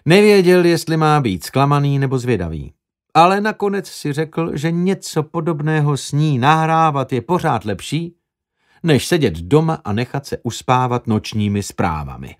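Expressive male audiobook narrator. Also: fairly high pitch. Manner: expressive storytelling.

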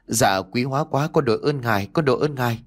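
A man's voice: medium pitch, quick pace, natural voice. A man voicing a frightened young man who pleads humbly and stammers. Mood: pleading.

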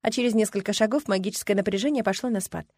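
A woman narrating a first-person story for an audiobook in an even, measured way. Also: medium pitch.

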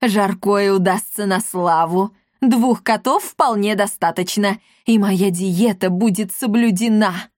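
A woman voicing a greedy, bossy old woman villain who screeches and shouts orders in a storybook reading. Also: medium pitch, a little slow, few pauses, dry recording, clean studio sound, close to an everyday voice. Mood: commanding.

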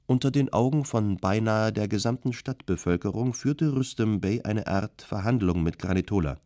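A man narrating a literary audiobook in a calm, measured way. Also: fairly low pitch, no echo, studio quality.

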